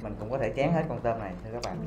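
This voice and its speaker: A man's voice: medium pitch, expressive, rapid-fire, dull audio, noisy background. A man, co-hosting an eating video in a playful, joking way, with his mouth full of corn. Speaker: co-host of an eating channel. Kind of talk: casual mukbang chat. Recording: echoey room with music behind. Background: background music.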